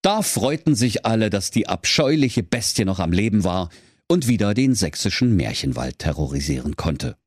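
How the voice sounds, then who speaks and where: A man's voice: lowish voice, moderate pace, slightly rough, dry recording. Man narrating a comic fairy tale. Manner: dry, lively storybook delivery. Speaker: storyteller.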